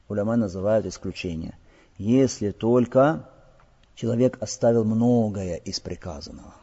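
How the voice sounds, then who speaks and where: A man teaching Islam works through rulings in an explanatory way, throwing out rhetorical questions and often asking "all right?". He has a fairly low, warm, husky voice, and the recording is lo-fi with long reverb from the hall.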